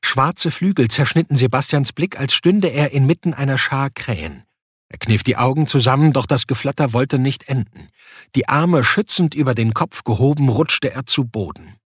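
A man reading a novel aloud as narrator, with expressive storytelling. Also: medium pitch, normal speed, slightly rough, dry recording, clean studio sound. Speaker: audiobook narrator. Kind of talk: scripted narration.

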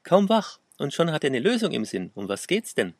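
A man's voice: fairly high pitch, very animated, a little fast, no echo, clean studio sound, pitched above the performer's own voice. A male narrator voicing an affectionate young woman who teases her partner in a storybook reading. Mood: teasing.

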